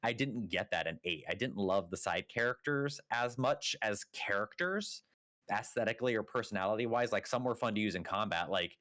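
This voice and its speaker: This podcast co-host is a man whose pitch leans low and whose tone is fairly bright, speaking at a moderate pace. The studio recording is clean with no room sound, and his casual talk wanders, full of fillers and corrections of himself.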